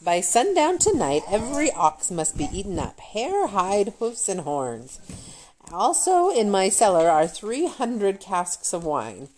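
A woman's voice: mid-range voice, big pitch swings, a little mellow, a little hiss or hum. Woman doing a smirking, cackling old witch queen for a storybook. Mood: scheming. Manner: cackling, smirking, drawn-out taunts.

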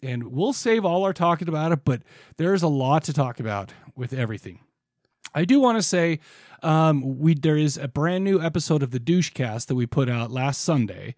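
A man's voice: fairly high pitch, animated, normal speed, a little mellow, no room sound, clean studio sound. A man hosting a podcast in a casual, jokey, informal chat style. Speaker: podcast host.

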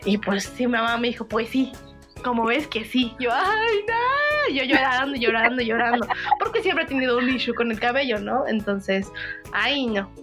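A young woman with a Mexican Spanish accent, telling stories in an animated, laughing casual chat. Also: a little high, normal speed. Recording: faint background music.

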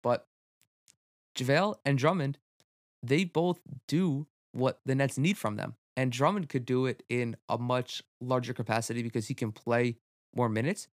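A man's voice: medium pitch, moderate pace, no echo, clean studio sound. A young man hosting a solo sports podcast, talking loosely with lots of fillers and casual swearing. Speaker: podcast host.

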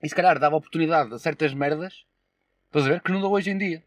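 A man's voice: fairly high pitch, fast talker, no room sound. A young man with a European Portuguese accent, chatting casually and slangily, with swearing, as a podcast co-host. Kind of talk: casual chat.

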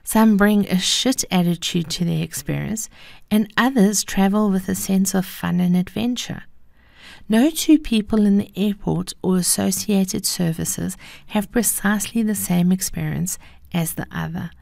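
A woman host reading scripted personal reflections in a measured, unhurried, gentle storytelling manner. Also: medium pitch, vocal fry, no room sound, clean studio sound. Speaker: host of a daily encouragement podcast.

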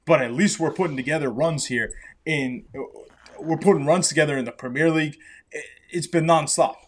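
Male podcast host, slightly high voice, emphatic sarcastic ranting. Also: a little fast. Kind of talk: casual chat.

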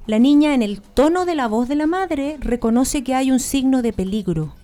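A woman with a Chilean accent, a guest speaker explaining her points in an animated, casual interview chat. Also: high voice, moderate pace.

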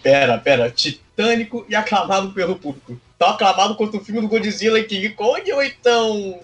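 A man's voice: high-pitched, lively intonation, a little fast. A man with a Brazilian accent bantering casually as a guest challenger, playful and full of exclamations. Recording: faint music behind.

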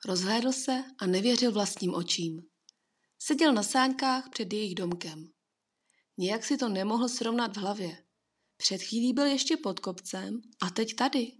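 A woman narrating a children's storybook in a soft, hushed storytelling manner. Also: mid-range voice.

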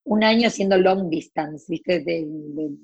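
Woman, forties, Rioplatense Argentine accent, husky voice, chatty storyteller, dull lo-fi sound. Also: fairly low pitch, a little slow, a little mellow. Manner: chatty, many restarts and asides. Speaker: actress guest. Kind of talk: casual storytelling chat.

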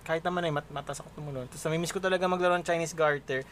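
A woman's voice: low voice, fairly even intonation, rapid-fire. A woman in a casual podcast chat, playful and full of exclamations. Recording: noisy background.

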